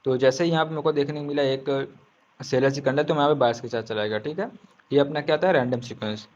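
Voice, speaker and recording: A man with a medium-pitched, darkish voice gives an informal screen-share tutorial on trading, recorded muffled with slight background noise. He repeats himself, often corrects his words mid-sentence, and says he's deliberately speaking slowly today.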